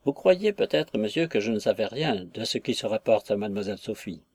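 A man's voice: on the low side, sing-song, a little fast, darkish tone, slightly rough, exaggerated voice. A man voicing a chatty, gossiping female innkeeper who rattles on with exclamations, in an audiobook reading of a classic novel. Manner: garrulous, wheedling, full of exclamations.

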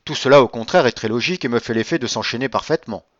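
A man's voice: mid-range voice, rapid-fire, no room sound, dull audio, close to an everyday voice. A man reading as a formal questioning notary. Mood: reasoning. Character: male notary, formal, careful, middle-aged.

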